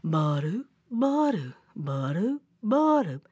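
A woman voicing a big, gullible male folktale bear in a slow, breathy mumble. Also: sits low, very animated, fairly bright tone, no room sound, voice pushed down, full character voice. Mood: plodding, carefree.

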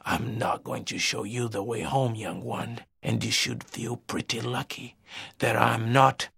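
A man's voice: medium pitch, steady tone, a little slow, gravelly, fairly bright tone, husky, pitched below the performer's own voice, heavily acted. A man voicing a proud, bitter jaguar in a storybook tale, speaking sternly and threateningly. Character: proud bitter male jaguar, great hunter.

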